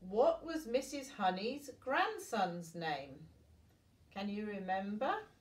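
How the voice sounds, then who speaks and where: With big pitch swings in a mid-range voice, an older woman slowly reads a storybook to small children, expressive as a grandmother at bedtime and full of little asides. The mic picks her up from afar in a roomy, echoing space.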